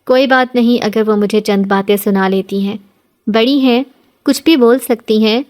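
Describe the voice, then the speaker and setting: A woman's voice: fairly high pitch, a little mellow, natural voice. A woman voicing a timid, downtrodden young wife who speaks meekly and anxiously in a storybook reading. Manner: meek, anxious.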